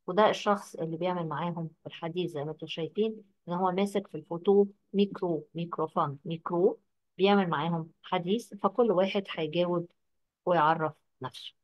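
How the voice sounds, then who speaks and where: A woman's voice: lowish voice, lo-fi sound. A woman teaching a French lesson online, explaining exercises and dialogues. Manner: explaining, dictating slowly at times.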